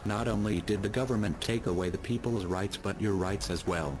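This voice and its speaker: A man reading a formal scripted statement in a disguised, artificially deepened voice, with a measured, even delivery. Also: background noise. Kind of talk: scripted statement read to camera audience. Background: loud music bed.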